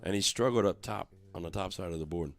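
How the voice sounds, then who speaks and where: A man's voice: low voice, quick pace, vocal fry, no room sound. A man giving casual, chatty darts commentary as one of a panel. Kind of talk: casual sports commentary chat.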